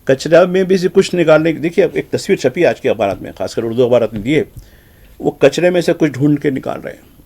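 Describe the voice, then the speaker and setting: A man with a Hyderabadi Urdu accent giving conversational news commentary on the papers, animated, acting out the exchanges he quotes. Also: vocal fry. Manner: animated, acts out quoted exchanges with shifts in pitch. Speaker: news commentator reviewing newspapers.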